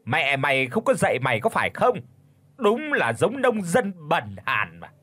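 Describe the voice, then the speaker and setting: A man voicing a spiteful old woman, a bullying mother-in-law, in a shrill, sharp-tongued scolding voice. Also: sing-song, husky, exaggerated voice. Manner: scolding, fast accusing questions. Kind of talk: audiobook character voice.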